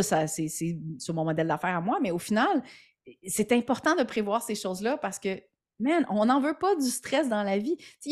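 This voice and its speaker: A young woman with a Québécois French accent speaks as a podcast guest. She talks quickly and emphatically, laughs often and restarts her sentences as she goes. Her pitch sits in the middle of the usual range for a woman. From Quebec, Canada. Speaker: entrepreneur guest. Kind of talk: podcast interview.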